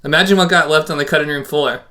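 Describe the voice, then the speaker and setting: A man's voice: fairly high pitch, quick pace, bright, forceful tone. Wry joking man on a podcast. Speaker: podcast co-host. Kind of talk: casual chat.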